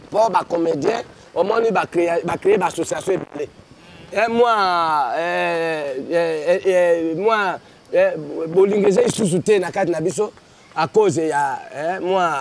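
A man's voice: a little high, a little mellow. A man, a comedian being interviewed, talking in an exuberant, declamatory way. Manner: exuberant, declamatory, mixes two languages. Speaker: comedian interviewed in his stage persona. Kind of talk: street interview, lively self-promotion. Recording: crowd noise behind.

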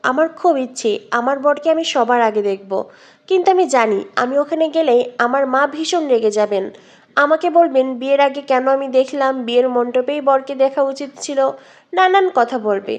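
A woman reading out the lines of a young bride who talks earnestly and gently to her friend. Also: sits high, lively intonation, moderate pace, highs cut off.

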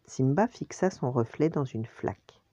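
An older woman, a grandmother, reading a bedtime story aloud in an animated way, acting out the voices. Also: rumbling low, a little slow, no room sound. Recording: dull lo-fi dry recording.

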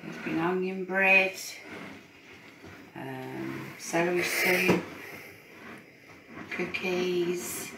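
A woman's voice: on the low side, drawn-out words, vocal fry, pauses often, distant mic, noisy background. Chatty woman in an echoey kitchen. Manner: chatty, encouraging, talks while whisking. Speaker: support worker cooking host. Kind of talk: casual cooking demonstration. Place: home kitchen, indoors. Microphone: phone camera at a distance. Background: clinking bowls and utensils.

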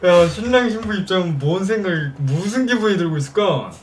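High-pitched young man trying not to laugh. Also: animated, fairly quick. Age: young adult. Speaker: video blogger. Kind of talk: casual reaction commentary. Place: small home room, indoors. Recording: distant mic, music behind.

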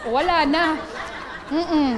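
A woman giving a lively, joking motivational training talk to a live audience. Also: high voice, slow pace, a faint crowd. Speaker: training speaker.

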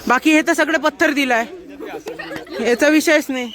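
Very high-voiced teasing young man. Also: normal speed. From Maharashtra, India. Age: young adult. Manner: playful, teasing friends to cry. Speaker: vlogger. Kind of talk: casual teasing vlog chat. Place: outdoors at a busy camp farewell. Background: crowd of students chatting.

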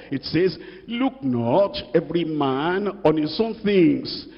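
A man's voice: a little high, breathy edge. Older man, pastor, rebuking sermon, handheld mic, church hall with long reverb, muffled. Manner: rebuking, asks the congregation direct questions. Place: large church hall at a pulpit. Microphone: handheld microphone. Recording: dull reverberant hall sound.

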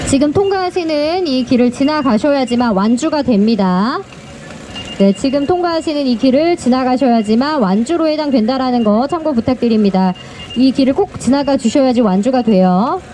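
A woman's voice: high-pitched, animated, moderate pace, warm tone. A woman making live public announcements at an outdoor cycling start, giving riders instructions in a courteous customer-service manner. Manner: repeats safety instructions encouragingly. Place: outdoors at a race start line. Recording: noisy outdoor recording with passing vehicles.

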